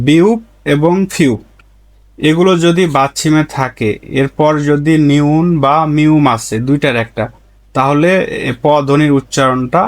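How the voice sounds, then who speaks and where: A man teaching a language lesson, patiently explaining rules and slowly repeating each example word twice. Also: a little high. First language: Bengali.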